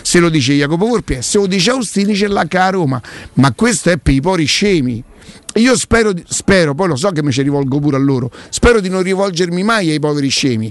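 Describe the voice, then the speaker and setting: A man's voice: fairly high pitch, lively intonation, fairly quick, no echo. A man with a Roman accent talking animatedly about sport as a radio host, emphatic and insistently repeating his phrases.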